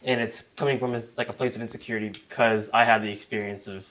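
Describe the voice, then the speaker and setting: Laid-back young man, low voice. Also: quick pace. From Taiwan. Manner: relaxed, rambling with restarts and fillers. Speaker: podcast guest. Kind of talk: casual podcast conversation.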